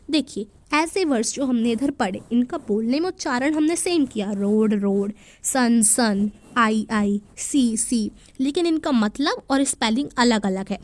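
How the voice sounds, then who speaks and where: High-voiced woman teaching young children. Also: darkish tone, no room sound. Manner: patient, spells words out slowly letter by letter; mixes English sentences into Hindi explanation. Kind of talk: explaining a worksheet to young children.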